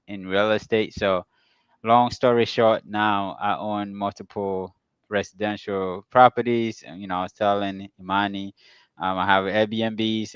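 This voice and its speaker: Man from ghana, 30s, low smooth voice, easygoing guest, slightly muffled audio. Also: a bit bright, no echo. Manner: easygoing, many ums, loose storytelling. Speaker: guest, pharmacist and real estate investor. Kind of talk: casual interview.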